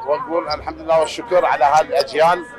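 A man from Dhi Qar, talking haltingly with many pauses outdoors. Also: fairly high pitch, level tone, a loud crowd. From Dhi Qar, Iraq. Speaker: procession pilgrim. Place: outdoors in a crowd.

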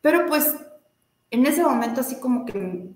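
A woman, telling a personal story in a casual, animated way and acting out the voices of the people she quotes. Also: sits high, normal speed, echoey room. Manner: animated, acts out quoted dialogue. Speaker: guest, student of a healing method.

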